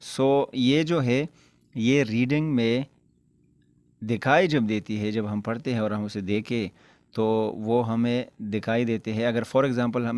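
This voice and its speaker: A man's voice: medium pitch, darkish tone, no echo. A man teaching as an English lecturer, explaining step by step, often rephrasing his points and correcting himself mid-word. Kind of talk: explanatory lecture in Urdu-Hindi mixed with English.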